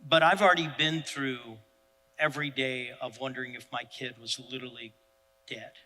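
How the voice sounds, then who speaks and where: Bright-voiced man preaching a story. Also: mid-range voice, normal speed, big-room sound, low-quality recording. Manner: animated, self-deprecating storyteller. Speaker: pastor. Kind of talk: sermon storytelling.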